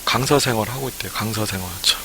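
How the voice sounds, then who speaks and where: A man's voice: fairly low pitch, fast talker, noisy background. A man giving a live-streamed lecture to would-be academy owners, chatty and peppered with "ne" fillers. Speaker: academy startup consultant.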